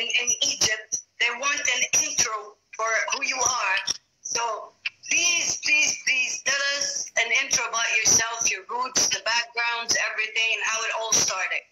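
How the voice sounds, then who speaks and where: A woman in her forties, a native Arabic speaker, hosting a live-stream interview and eagerly hyping her guest. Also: a little high. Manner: enthusiastic, hypes the guest. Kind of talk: casual interview on a live video call. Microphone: phone at arm's length. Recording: roomy noisy phone-mic audio.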